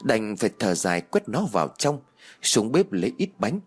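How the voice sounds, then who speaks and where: A man narrating an audio story in an expressive storytelling manner. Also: fairly low pitch, moderate pace, breathy edge.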